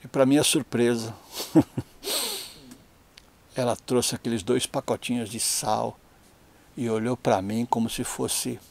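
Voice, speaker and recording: A man's voice: medium pitch, steady tone, measured pace, creaky, long pauses, a little mellow. A man casually telling a funny personal story in a chatty, amused way. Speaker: storyteller, channel host.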